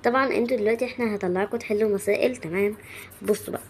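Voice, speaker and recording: A woman voicing a bossy schoolteacher who calls out commands to the class loudly. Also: medium pitch, very fast, slight background noise, lightly acted. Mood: commanding. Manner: loud, commanding.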